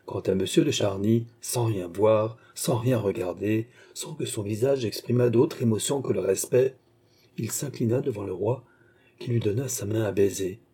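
A man reading a classic French novel aloud as audiobook narrator, in a measured, literary manner. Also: on the low side, mellow, slightly rough. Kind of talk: scripted narration.

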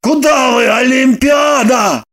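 An actor playing an excitable young man who bursts into shouts and pleads desperately. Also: sits high, a little slow, full character voice. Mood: pleading. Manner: loud, shouting outbursts.

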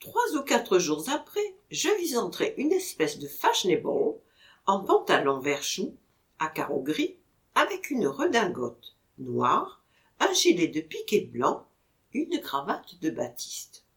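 A woman narrating a classic literary audiobook in an expressive, animated reading. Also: on the low side, takes it slowly.

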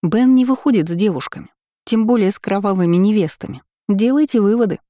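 A woman voicing an excitable, dramatic young princess who exclaims and squeals. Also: mid-range voice, dry recording, studio quality, pitched above the performer's own voice, lightly acted. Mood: excited. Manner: exclaiming, squealing, talking fast.

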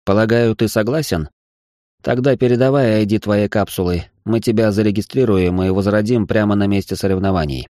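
A man's voice: on the low side, brisk, mellow, no echo, studio quality, natural voice. A man voicing a polite male negotiator making a persuasive offer in an audiobook reading. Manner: courteous, persuasive.

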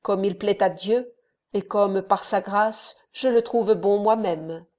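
A woman voicing an elderly kindly male friar who gives gentle, fatherly counsel. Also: medium pitch, slow pace, natural voice.

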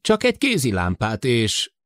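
A talkative, teasing spaceship crewman, as a male reader puts him on in a raised, lively voice that swoops up and down. His delivery is chatty and apologetic by turns, with the dry, close sound of a studio audiobook. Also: medium pitch, no echo, pitched above the performer's own voice. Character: joking male spaceship crewman stuck in the dark.

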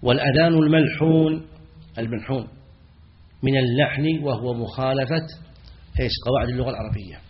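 A man teaching as a sheikh in a lecture. He asks his students questions and answers them himself, and he chants the example phrases slowly. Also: mid-range voice, muffled recording. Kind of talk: classroom lecture on errors in the call to prayer.

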